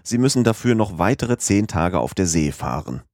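A man's voice: sits low, big pitch swings, moderate pace, a little mellow, dry recording, clean studio sound. A man doing a shrewd, probing police agent. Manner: coaxing, probing questions.

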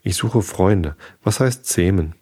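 A man's voice: sits low, animated, slow pace, mellow, breathy edge, full character voice. A man reading a storybook aloud and voicing a polite, curious little boy prince in a mild, questioning way. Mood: earnest.

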